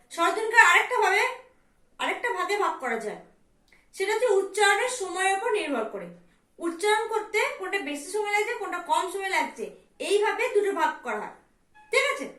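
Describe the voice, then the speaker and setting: A woman primary teacher with a West Bengal Bengali accent talks young pupils through the lesson, repeating each term and answering her own questions. Her voice sits very high and swings up and down. She is picked up from across an echoing classroom. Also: fairly bright tone. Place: classroom with board. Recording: echoey room, mic far off.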